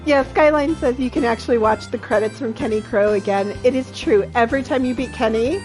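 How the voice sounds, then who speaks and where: A woman's voice: a little high, brisk, darkish tone, soft background music, poor audio. A woman streaming a video game, chatting with her audience and laughing often in delight. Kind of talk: live game commentary.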